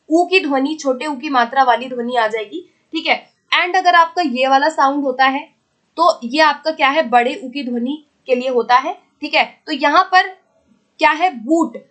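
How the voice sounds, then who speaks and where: Young woman teacher, hindi accent, high voice, explains step by step, keeps saying ok. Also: fairly bright tone. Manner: explanatory, repeats "theek hai" to check in; slows down to read questions aloud. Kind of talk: exam-prep lesson.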